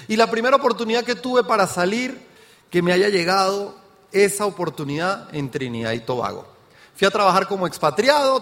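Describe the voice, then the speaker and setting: A man's voice: sits high, a bit bright, long reverb tail. A man from Venezuela with a Venezuelan accent gives a motivational talk to an audience on stage, often asking rhetorical questions. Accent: Venezuelan Spanish. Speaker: business event speaker.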